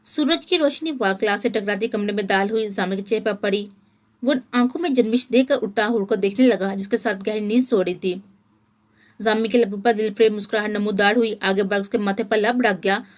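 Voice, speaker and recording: A woman narrating a romance novel as an audiobook in a steady, even storytelling manner. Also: medium pitch, moderate pace.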